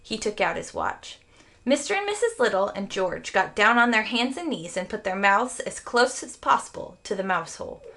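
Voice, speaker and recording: A female teacher reads a children's story aloud expressively, as though to young students, pausing to explain phrases for them. She speaks at a normal speed in a medium-pitched voice.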